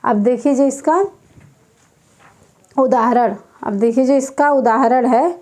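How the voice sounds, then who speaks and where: Giving an exam-prep grammar lesson, a female teacher dictates slowly, saying each term over several times. She has a high voice with a darkish tone.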